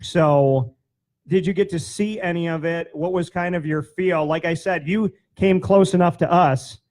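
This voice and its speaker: A man in his thirties hosting a casual sports talk show, chatty and animated, on a handheld mic in an indoor studio. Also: on the high side, measured pace. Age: 30s. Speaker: host. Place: indoor studio set with banner backdrop.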